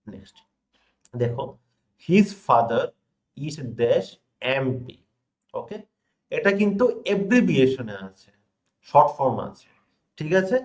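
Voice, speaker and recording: A young man from India teaching an English grammar lesson, stressing key words, reading example sentences slowly and often asking his students if they follow. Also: fairly high pitch, lively intonation. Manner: checks in often with rhetorical questions to students. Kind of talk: classroom lesson explaining examples.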